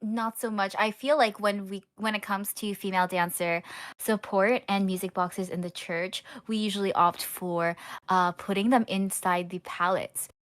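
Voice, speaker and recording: A woman's voice: mid-range voice, fairly even intonation, normal speed. A woman commentating a live online gaming tournament, walking through tactics step by step. She talks in a loose, analytical way, with plenty of "um" and "like" as she thinks aloud. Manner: analytical, explains strategy with frequent fillers. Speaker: esports caster.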